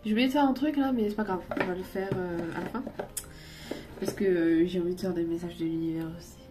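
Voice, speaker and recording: A woman's voice: fairly low pitch, fast talker, over loud music. Giggly rambling woman reading cards. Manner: giggly, rambling, slips into English words. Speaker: tarot and oracle card reader. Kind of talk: casual card-reading video.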